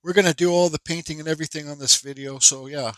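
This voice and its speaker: Talking fast in a slightly high, fairly bright voice with a steady tone, a congested woodcarving instructor casually narrates a carving tutorial at his workshop bench. He rambles, with fillers and restarts, and the recording is dry.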